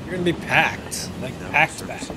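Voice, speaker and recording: This young gaming channel host sounds tired as he laughs and curses through a casual late-night let's-play, answering the game aloud. His fairly high, animated voice runs at a moderate pace over a noisy crowd, with loud game music behind it.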